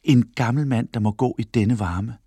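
A man voicing a disapproving, gossiping lady in a children's story, in a hushed tone. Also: mid-range voice, breathy edge, dry recording, studio quality.

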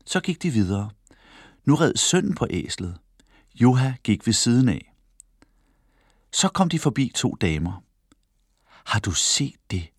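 A man reading a children's story aloud in an expressive way, close to the microphone. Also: mid-range voice, pauses often, slightly rough, no room sound. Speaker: storybook reader.

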